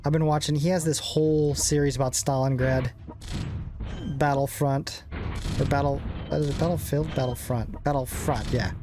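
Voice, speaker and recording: Over background game music in a noisy setting, a young man hosting a gaming channel chats about a strategy game in a rambling, jokey way, tossing in self-mocking remarks. He speaks at normal speed in a steady tone, his voice a little high.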